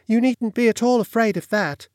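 A man voicing a respectable, anxious landlady who speaks in a civil, gentle, passionless way. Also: very high voice, moderate pace, no room sound, clean studio sound, pitched above the performer's own voice. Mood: flustered. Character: civil, anxious middle-aged female landlady.

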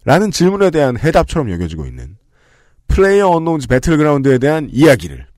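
A man's voice: on the high side, fast talker, no room sound. A man hosting a podcast, reading out lists of games and adding joking asides, recorded in a studio. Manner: lively, joking, reads lists with asides and laughs. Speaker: podcast host. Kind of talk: casual podcast talk with scripted segments.

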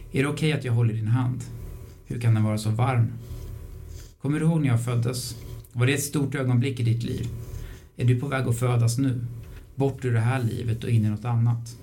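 Male reader, mellow dark timbre, quiet reflective questioning delivery for a scripted short story. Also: mid-range voice, slight background noise. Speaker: podcast host reading his own short story. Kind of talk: scripted reading of a first-person short story.

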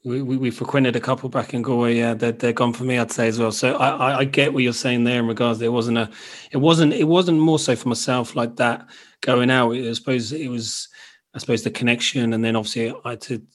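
A man with an Irish accent hosts a casual interview. His voice sits at a middling pitch with little melodic movement, and he talks informally, often rewording as he goes. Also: fairly even intonation, a little fast. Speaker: podcast host.

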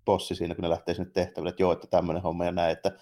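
On a podcast, one of two co-hosts talks about movies in a relaxed, rambling, loosely worded way. He has a low, warm voice that stays monotone throughout.

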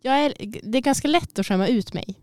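A woman in casual podcast chat with a smooth, resonant voice. She is recorded dry and close in a studio. She chats easily and laughs readily. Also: fairly high pitch, expressive, a little mellow, no echo. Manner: chatty, self-conscious, laughs easily. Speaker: podcast co-host. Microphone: studio mic.

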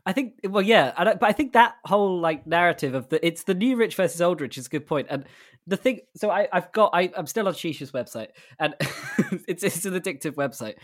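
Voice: mid-range voice, lively intonation, fairly quick. Rambling, giggly podcast co-host. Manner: rambling, reads aloud from a website, laughs often. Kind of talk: casual comedy chat.

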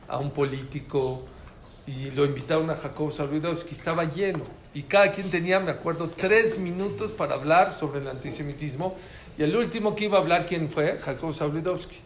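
A slightly high-voiced man with a Mexican Spanish accent lectures on listening before a live audience, staying animated and questioning his listeners throughout. The recording carries room echo and a faint hum of ambient noise.

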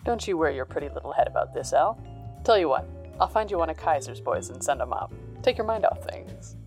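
Casting: teasing, swaggering 1930s crime boss, low-leaning and highly expressive, noir audio drama. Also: female voice, a little fast, vocal fry, faint music behind, full character voice. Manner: old-time gangster slang, sardonic, swaggering.

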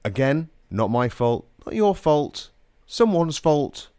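A male podcast host apologising to listeners in a wry, mock-aggrieved way, his voice muffled and underwater-sounding from low-quality audio. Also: big pitch swings, slow pace, dark tone, clean tone, dry recording, studio quality.

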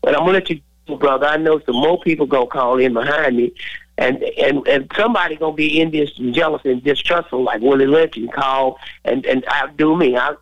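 An older man rings into a casual radio call-in show, rambling in an earnest, preachy manner. He speaks briskly in a mid-range voice, and the phone recording sounds muffled.

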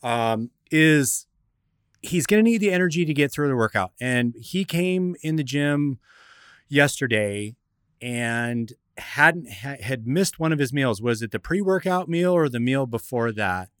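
A man's voice: mid-range voice, expressive, measured pace, fairly bright tone, smooth, dry recording, studio quality. A man hosting a radio talk show, explaining in an instructive, methodical way like a coach.

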